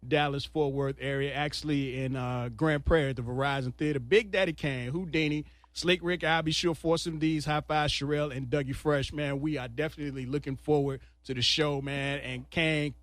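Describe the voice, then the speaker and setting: A man's voice: on the high side, steady tone, moderate pace, hardly any pauses, a bit bright, no room sound. A man hosting a radio interview, talking eagerly and conversationally like a fan. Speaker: radio host.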